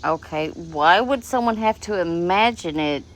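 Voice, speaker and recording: Woman host, lowish voice, dry mocking sarcasm, commentary read. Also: lively intonation, a little slow, low-quality recording.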